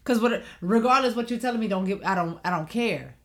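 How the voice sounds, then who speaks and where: A young woman on a casual podcast, telling lively stories and acting out her relatives' voices. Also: medium pitch, brisk. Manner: animated storytelling, acts out relatives' voices; frequent "you know what I'm saying". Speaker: podcast co-host. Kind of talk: casual chat.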